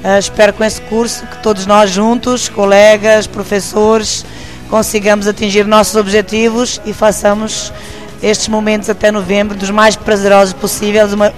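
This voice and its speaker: A woman from Angola with a Portuguese accent, a teacher giving a chatty self-introduction with pauses and self-corrections. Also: mid-range voice. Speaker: English teacher.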